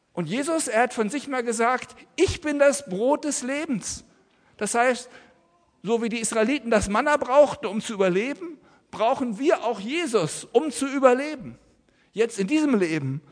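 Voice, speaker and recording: A man's voice: very high voice, long reverb tail. A man preaching a family sermon to children and adults in a church, using simple, friendly words for the children. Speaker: pastor.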